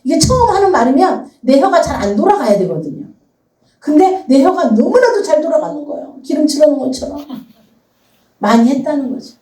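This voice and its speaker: A woman pastor preaching a sermon in a church, telling the story with lively acted voices. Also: sits high, a little fast, echoey room, recorded from a distance, low-quality recording. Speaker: senior pastor.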